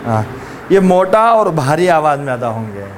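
A man with a high voice teaches Quranic pronunciation to a class. He repeats each letter sound slowly and keeps asking whether the students understand. Faint vehicle noise sits in the background. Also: very animated.

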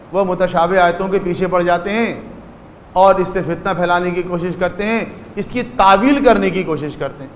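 A man with a high voice delivers a religious lecture in a hall with a long, echoing reverb. He explains patiently and voices the people in his stories. Faint ambient noise sits behind him. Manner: explanatory, acts out short dialogues in stories.

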